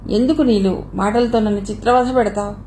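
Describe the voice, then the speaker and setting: A woman's voice: medium pitch, fairly even intonation, a little fast, warm tone, a little hiss or hum, natural voice, low-quality recording. A woman reading the part of a heartbroken young man who pleads and reproaches in an audio novel. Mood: reproachful.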